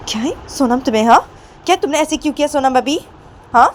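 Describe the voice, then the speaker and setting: A hot-tempered older woman who scolds in a raised, higher voice and keeps hammering the same questions, as a woman narrator puts her on. Traffic noise runs underneath the whole recording. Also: quick pace, natural voice. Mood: furious. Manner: loud, hectoring, repeats questions.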